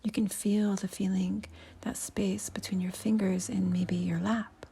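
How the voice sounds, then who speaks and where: A woman teaching yoga breathing and meditation in a soft, husky, near-whispered voice, giving unhurried instructions. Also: medium pitch, little pitch movement.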